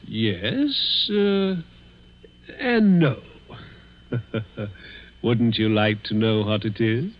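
An actor playing a sly older stepfather plotting murder, with suave, mock-affectionate, halting speech in an old-time radio thriller. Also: lowish voice, expressive. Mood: gloating. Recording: muffled vintage radio recording.

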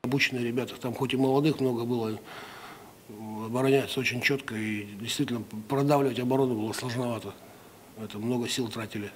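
A man's voice: medium pitch, fairly even intonation, quick pace, slight background noise. A man in his fifties, a hockey coach speaking in clipped phrases at a press conference table microphone. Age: 50s.

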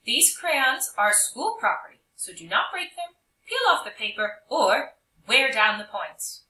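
A strict first-grade schoolmistress from a storybook, as a woman reader plays her. She is firm and emphatic, with a sharp, bright voice that moves up and down. The room echoes around her. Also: on the high side, big pitch swings, a little slow, voice pushed up, heavily acted. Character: stern, bossy first-grade woman teacher. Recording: roomy echo, distant mic.

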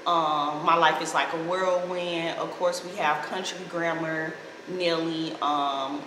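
A woman's voice: low-pitched, slow pace. Echoey St. Louis woman, casual and slangy. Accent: St. Louis American. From St. Louis, Missouri, USA. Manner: slangy, playful, expressive. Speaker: vlogger. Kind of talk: casual chat to camera. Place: small indoor living room, seated on sofa. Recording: echoey, reverberant room with clear noise.

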